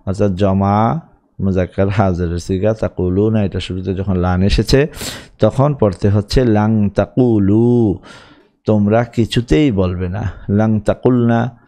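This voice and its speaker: A man with a Bangladeshi Bengali accent teaching an Arabic grammar lesson, reciting verb forms slowly, then explaining them briskly. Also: fairly low pitch, fairly even intonation, mellow.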